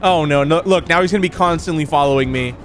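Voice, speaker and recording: A young man giving casual commentary as he plays a horror game, sounding scared, jumpy and full of excitable exclamations. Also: a little high, fast talker. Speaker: video game streamer. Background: game music and sound effects.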